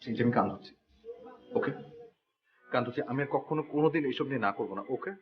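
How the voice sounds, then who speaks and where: An actor playing a fussy, germ-fearing young husband in a TV drama, panicky and pleading. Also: male voice, mid-range voice, fast talker, highs cut off, slight background noise, close to an everyday voice. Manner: panicky, then softly pleading. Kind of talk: TV drama acting.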